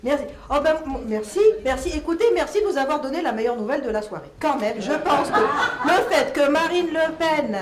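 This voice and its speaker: An animated woman takes questions after a talk, her voice pitched a little high, laughing easily and restarting her sentences. She sounds echoey, caught in a reverberant conference hall. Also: brisk, few pauses, over a noisy crowd. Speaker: conference speaker answering questions. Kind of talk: Q&A discussion.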